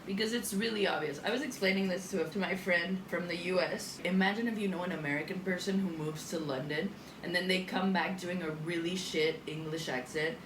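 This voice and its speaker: A young Mexican woman with a lowish voice, speaking a little fast, records a casual, chatty cooking vlog in her home kitchen. She rambles animatedly through stories and swears as she cooks. Captured by a far camera, the sound is roomy and distant, with audible noise.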